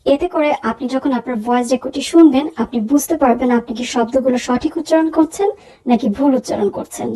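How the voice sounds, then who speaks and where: A woman giving a language lesson, saying each word twice slowly and explaining its pronunciation. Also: high-pitched, dark tone, rough recording. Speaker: language teacher.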